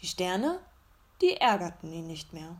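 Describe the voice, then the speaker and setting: A woman reading a children's bedtime story aloud in a calm, measured way. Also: fairly low pitch.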